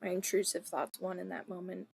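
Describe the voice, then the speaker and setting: A woman streaming a co-working session, thinking aloud in casual self-deprecating chat with soft muttered asides. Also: on the low side, little pitch movement, fairly quick, creaky, a little hiss or hum.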